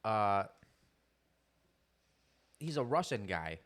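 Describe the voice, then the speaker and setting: Young male co-host, lively pitch swings, rambling laugh-prone delivery, casual. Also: drawn-out words. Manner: animated, laughs often, rambling asides. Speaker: podcast co-host. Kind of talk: casual chat.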